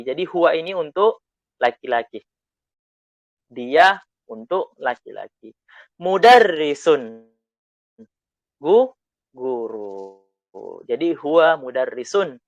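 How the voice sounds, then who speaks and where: A man with an Indonesian accent teaching Arabic, reading lines slowly and loudly for students to repeat, then explaining in quick asides. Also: medium pitch, no echo. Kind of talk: online Arabic lesson, reading dialogue aloud.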